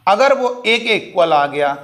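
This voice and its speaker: A man's voice: high-pitched, lively intonation, unhurried, fairly bright tone. A man teaching maths to exam students, working through a problem step by step and asking and answering his own questions, with spoken.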